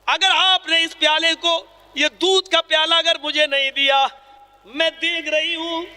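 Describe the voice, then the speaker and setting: A male preacher voicing a pregnant young wife who pleads slowly and urgently, in a large hall. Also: extremely high pitch, level tone, sharp tone, pitched above the performer's own voice, heavily acted. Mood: pleading. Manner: pleading, slowed. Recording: long hall reverb.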